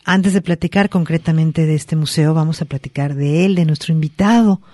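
A woman hosts a radio interview in a mellow, warm voice. She asks conversational follow-up questions. Her voice is recorded dry and close in the studio. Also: low voice, normal speed, dry recording. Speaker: radio host.

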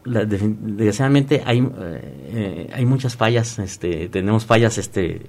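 A man, an online course teacher, explaining as a guest in a radio booth, often restarting words and filling pauses with "este". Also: lowish voice, lively intonation, creaky, a little mellow. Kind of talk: explanatory interview talk.

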